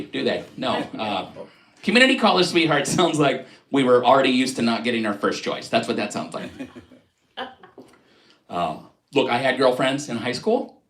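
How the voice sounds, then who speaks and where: A middle-aged man performs stand-up for a live stream, making fun of himself and jumping into quick voices for shoppers and clerks. His pitch sits in the ordinary middle range. The room gives his voice a noticeable echo. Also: fairly bright tone. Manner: self-deprecating, acts out shoppers and clerks in quick asides. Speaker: stand-up comedian.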